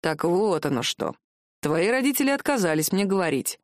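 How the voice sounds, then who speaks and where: A woman reading a story and voicing a cold, grim male wizard who speaks low and with measured restraint. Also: sing-song, dry recording, clean studio sound. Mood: guarded.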